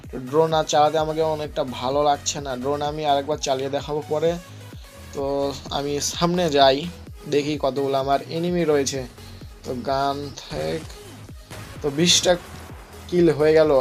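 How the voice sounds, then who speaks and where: A young man, a little hoarse, giving rambling, joking commentary on his own gameplay and teasing his opponents. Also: fairly high pitch, darkish tone. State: voice slightly hoarse. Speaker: gaming channel host.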